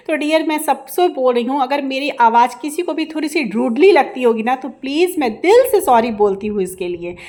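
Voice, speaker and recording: A woman in her thirties narrating a home vlog in voice-over. She speaks loudly and emphatically, in a raised, high-pitched voice that can sound like she is scolding. It is recorded without a proper mic. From India. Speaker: vlogger and housewife. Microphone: no external mic for voice-over.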